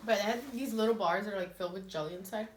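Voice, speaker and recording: A woman's voice: medium pitch, rapid-fire, slight background noise. A woman in her twenties telling a story while eating, chatty, laughing and saying "like" constantly. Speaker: mukbang vlogger. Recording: echoey room with faint ambience.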